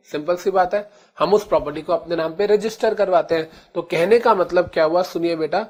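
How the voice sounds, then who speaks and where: An Indian man teaching law in a lecture, calling his students children and slowly repeating key terms. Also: high voice. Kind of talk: classroom lecture in Hindi-English mix.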